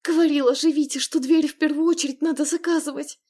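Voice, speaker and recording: A woman voicing a frightened, protective young woman who shouts high and urgent. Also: fairly even intonation, fast, close to an everyday voice. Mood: panicked.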